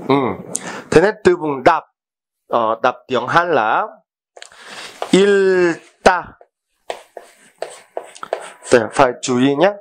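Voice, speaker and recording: A man teaching a language lesson, explaining vocabulary and repeating each word slowly, often asking if students understand. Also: mid-range voice, expressive.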